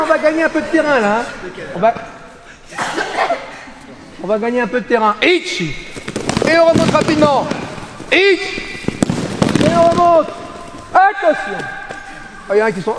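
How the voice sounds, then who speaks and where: A man teaching an aikido class in a gymnasium, calling out drill commands, often shouting. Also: extremely high pitch. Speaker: aikido instructor. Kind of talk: teaching a group class on the mat. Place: large gymnasium. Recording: echoey gym from far off, with noise.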